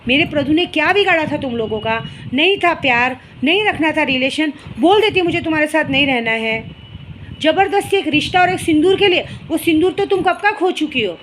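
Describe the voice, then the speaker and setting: A young woman vlogger speaks straight to camera in a heated, emotional monologue, confronting and scolding a rival. Her voice is high-pitched, brisk and fairly bright, with lively intonation. Faint noise can be heard behind her.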